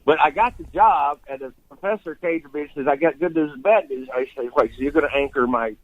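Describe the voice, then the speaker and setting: A man's voice: a little high, quick pace, narrow, tinny audio. An older man from Eastern Tennessee with a Southern accent, telling a rambling, folksy story as an interview guest and chuckling as he goes. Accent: Southern American. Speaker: guest sportscaster.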